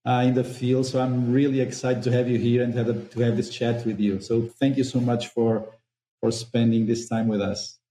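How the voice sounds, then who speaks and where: Brief: man, mellow monotone co-host, roomy echoey sound. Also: mid-range voice. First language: Portuguese. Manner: hesitant, many restarts. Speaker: podcast co-host. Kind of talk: casual podcast conversation. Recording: roomy echo.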